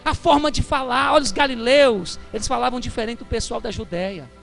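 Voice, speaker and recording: A man with a Brazilian Portuguese accent preaching a Pentecostal sermon, moving from chatty storytelling to fervent shouting. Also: extremely high pitch, a little fast, creaky, soft background music.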